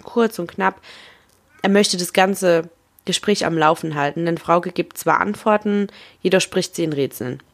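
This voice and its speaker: A woman casually narrating a true crime case, reading quoted phone dialogue aloud with small slips and casual asides. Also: on the low side.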